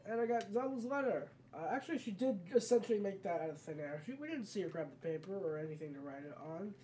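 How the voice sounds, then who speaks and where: A let's play commentator talks casually and conversationally in a soft, mellow, mid-range voice, often rambling along. He's expressive and speaks fast. The home gameplay recording has faint noise behind his voice.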